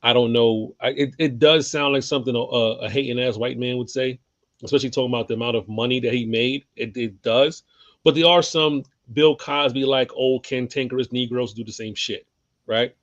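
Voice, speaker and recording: A man's voice: mid-range voice, steady tone, fairly quick, no echo, lo-fi sound. A man co-hosting a sports podcast, talking bluntly with lots of swearing and frequent laughs. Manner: profane, blunt, laughing often. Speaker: podcast co-host. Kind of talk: casual sports chat.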